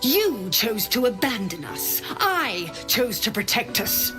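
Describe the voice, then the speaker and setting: Bitter female druid, defiant, proud, raised pitch, animated intonation. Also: takes it slowly. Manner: sharp, scornful. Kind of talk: video game voice acting. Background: game music.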